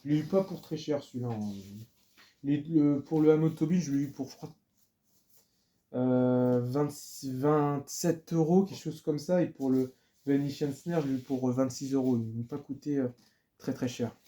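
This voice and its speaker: A vlogger chats casually in a video presenting records and books he's bought, using many fillers and restarts. He speaks at normal speed in a mellow, medium-pitched voice with fairly even intonation.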